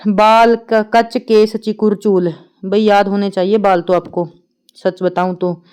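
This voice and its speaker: A young adult woman teaching an online exam-prep grammar class, chatty, listing words in quick runs and checking in with her students often. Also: medium pitch, level tone, a little mellow, smooth. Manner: chatty, repeats "ठीक है" often. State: tired.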